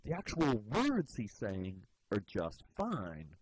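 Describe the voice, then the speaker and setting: Lively low-voiced male instructor. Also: takes it slowly, slight background noise, rough recording. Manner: expressive, demonstrative explaining. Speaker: presentation instructor. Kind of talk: educational video lecture.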